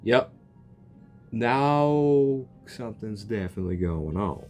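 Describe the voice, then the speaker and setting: Reacting casually to a video game, this young YouTuber jokes, rambles and trips over his phrasing. He speaks slowly in a lowish, slightly mellow voice with lively intonation, and faint music plays behind him.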